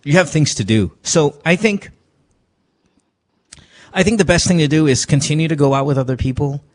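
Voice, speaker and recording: A slightly high-voiced man speaks at a moderate pace as the host of a radio call-in advice show. He's joking and frank in this casual advice chat, sprinkling Tagalog words into what he says.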